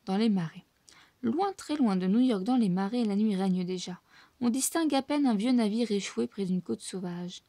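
A woman reading a children's storybook aloud in an expressive, lively way. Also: medium pitch, normal speed, no echo. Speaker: storybook reader.

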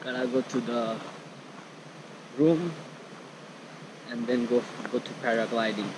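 In this casual travel vlog, a young Nepali man talks a little slowly in a mid-range voice to an action camera at arm's length as he wanders a mountain valley and a small shop. His speech has many fillers and restarts, and the outdoor camera mic records loud background noise.

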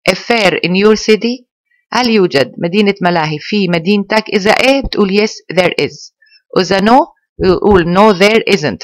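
A teacher giving an online English lesson to pupils, slowly spelling out English phrases. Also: medium pitch, dry recording.

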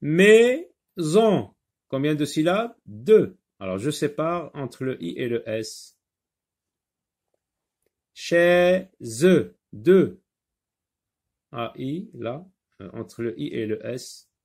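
A man's voice: medium pitch, very animated, slow pace, creaky, warm tone. A man teaching a recorded French reading lesson, patiently repeating each word aloud for pupils.

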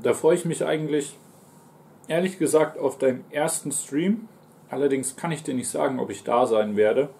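This is a warm, mid-range male voice with vocal fry, belonging to a German-accented mukbang streamer in his twenties. Indoors on a sofa in a small living room, he chats casually on a livestream, reading out and answering viewer messages between mouthfuls.

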